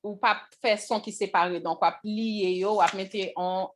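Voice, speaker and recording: A woman teaching a language class on pronunciation, pausing often to check whether the students follow. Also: mid-range voice, fairly even intonation, a little hiss or hum.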